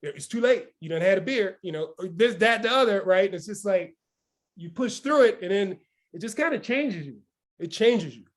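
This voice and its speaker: Leading a morning pep talk, this roughly fifty-year-old man speaks at a normal pace in a voice that sits high. His delivery is energetic, and he repeatedly asks "right?"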